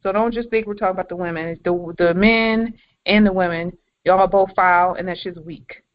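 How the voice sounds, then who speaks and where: A woman's voice: fairly low pitch, fairly even intonation, moderate pace, muffled recording. A woman co-hosting a podcast, chatting casually and ranting bluntly with lots of swearing and emphatic stresses. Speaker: podcast co-host. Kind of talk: casual chat.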